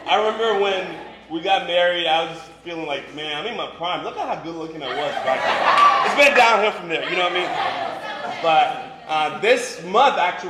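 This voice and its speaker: This high-pitched preacher, a Liberian man in his twenties or thirties who came to Boston at thirteen, serves as a campus minister giving an informal sermon to a live congregation. He is conversational and joking, often saying "you know" and "right." Recorded in a large, echoey room, there is some faint ambient noise.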